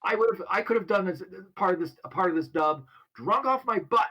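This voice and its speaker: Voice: medium pitch, expressive, fairly quick, sharp tone, breathy edge. A podcast co-host giving blunt, emphatic opinions in casual chat.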